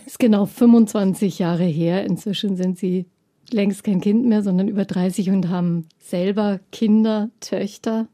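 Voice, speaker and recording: A woman hosting a podcast, reading a scripted intro and then interviewing her guest in a measured, articulate way. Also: mid-range voice, no echo, clean studio sound. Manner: measured, articulate, even-paced. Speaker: podcast host.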